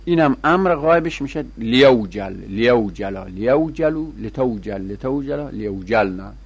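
Male teacher, husky voice, sing-song drilling of conjugations, plain explanatory lesson. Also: mid-range voice, expressive, highs cut off.

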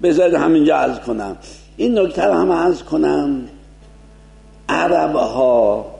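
A man teaching a seminary lecture as a cleric, explaining points and slowly demonstrating Arabic pronunciation. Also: medium pitch, vocal fry, dark tone, reverberant.

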